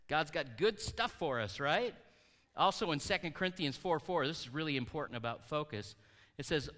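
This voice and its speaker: A man's voice: a little high, bright, forceful tone, long reverb tail. A male pastor giving a conversational sermon, asking the congregation questions as he teaches. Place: church hall.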